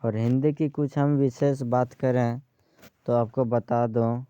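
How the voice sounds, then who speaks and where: A man teaching a grammar lesson, speaking slowly and repeating key terms for his students. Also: mid-range voice, fairly even intonation, warm tone, clear, resonant tone, no room sound, muffled recording. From Bihar, India.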